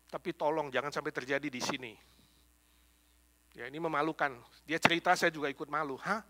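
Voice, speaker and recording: A male pastor from Indonesia preaching a sermon, telling stories with acted-out voices and loud exclamations, then praying. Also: on the high side, fairly quick. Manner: animated storytelling, acting out voices, bursts of loud exclamations. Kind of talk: sermon with prayer. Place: church sanctuary.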